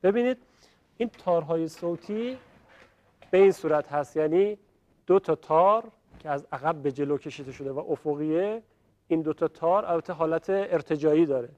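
A male teacher leads a classroom lesson on pronunciation, his voice sitting a little high. He explains patiently, pauses to check that the students follow, and voices each sound slowly to show it. The class recording sounds dull and lo-fi. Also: a little mellow. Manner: demonstrates sounds by voicing them slowly.

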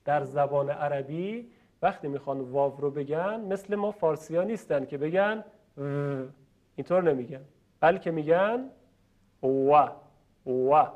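Man, from Iran, recitation teacher, patient, demonstrates sounds, slightly high voice, muffled lo-fi sound. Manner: patient, demonstrates pronunciations, asks viewers to repeat. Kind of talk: classroom-style lesson. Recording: dull lo-fi recording.

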